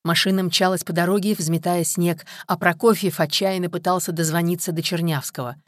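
An audiobook narrator reading a crime story in a measured, dramatic way. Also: mid-range voice, steady tone, dry recording, studio quality. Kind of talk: scripted narration.

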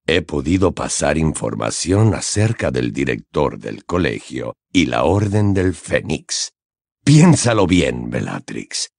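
A man voicing a calm, calculating, sardonic man in an audiobook, speaking slow, low and measured. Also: gravelly, no room sound, clean studio sound, exaggerated voice. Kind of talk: audiobook character voice.

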